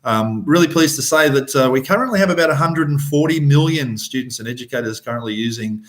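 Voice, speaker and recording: An Australian-accented man in his fifties presents an online workshop informally. His voice sits at a medium pitch, heard over a video call from indoors. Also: lively intonation, fast talker. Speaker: webinar presenter.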